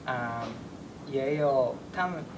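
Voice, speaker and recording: A young foreign man chats in simple, accented Mandarin, pausing often and building broken phrases. His pitch is middling, and the recording is distant, with plain background noise. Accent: foreign, non-native Mandarin. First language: not Mandarin. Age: 20s. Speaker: learner of Chinese. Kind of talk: casual conversation in simple Mandarin. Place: small indoor room, seated on a sofa. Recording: distant mic, noisy rumbling room.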